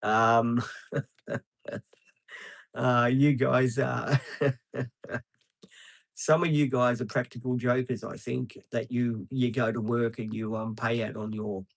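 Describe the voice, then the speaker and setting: A man's voice: mid-range voice, level tone, slow pace, gravelly, pauses often, no room sound. Rambling man in his fifties. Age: 50s. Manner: rambling and chatty, many ums, answers viewers by name. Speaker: live streamer. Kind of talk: casual live stream chat. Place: outdoors beside traffic.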